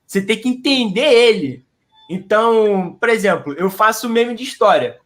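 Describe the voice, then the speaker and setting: A man, a guest explaining how he makes history memes. His voice sits high for a man. He answers in an easygoing, slangy way. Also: animated, moderate pace. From Belford Roxo, Brazil. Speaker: guest, history meme creator. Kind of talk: casual interview answers.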